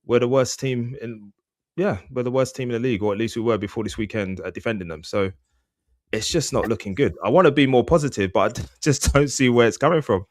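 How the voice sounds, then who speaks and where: A man's voice: medium pitch, fairly quick, dry recording, studio quality. A man hosting a casual football podcast, rambling with restarts and admitting he is slurring his words. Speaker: podcast host.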